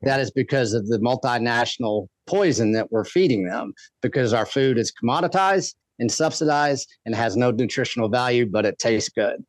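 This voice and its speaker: A man of medium pitch talks as a podcast guest. His delivery is impassioned, blunt and emphatic, and the sound is very dry, with no room echo. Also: moderate pace, hardly any pauses. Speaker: podcast guest, food activist. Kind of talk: impassioned interview talk.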